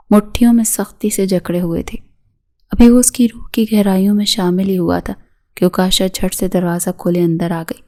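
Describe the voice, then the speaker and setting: A woman giving scripted narration of a romance novel in a steady, even reading. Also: lowish voice.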